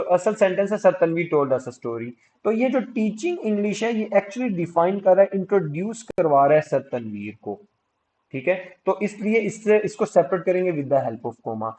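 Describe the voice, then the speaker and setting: A man teaching English grammar for exam prep, switching between Hindi-Urdu and English and reading example sentences slowly with stress. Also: high voice, a little mellow. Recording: dull lo-fi sound.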